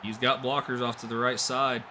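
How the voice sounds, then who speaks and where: A young man doing live play-by-play commentary on a simulated football game, getting excitable on big plays. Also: moderate pace, noisy background. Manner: excitable, voice jumps high and loud on big plays. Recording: music playing behind the voice.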